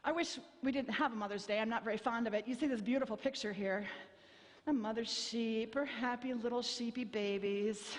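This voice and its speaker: A woman's voice: on the high side, fairly even intonation. A middle-aged woman pastor giving an earnest sermon in a church, sometimes quoting others as she speaks. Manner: slow, earnest preaching with quoted speech. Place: church sanctuary. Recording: long reverb of a church hall.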